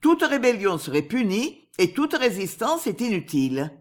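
A woman voicing a smooth, sly middle-aged male bailiff who speaks in a suave, officious way. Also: mid-range voice, sing-song, moderate pace, darkish tone, voice pushed up.

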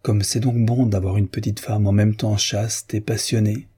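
A man's voice: lowish voice, little pitch movement, moderate pace, dark tone, husky. Lionel, a tender young lover, read by a man.

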